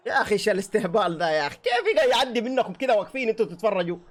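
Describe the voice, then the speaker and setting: A man's voice: high voice, sing-song, very fast. A man giving a live football match reaction, exclaiming and heckling the players into his own microphone. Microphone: own desk microphone.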